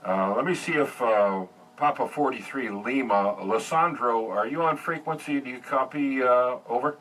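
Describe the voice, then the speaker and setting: A man's voice: medium pitch, moderate pace, a bit bright. A man acting as net controller on two-way amateur radio, politely hesitant and spelling things out phonetically. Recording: distant, faintly noisy radio audio.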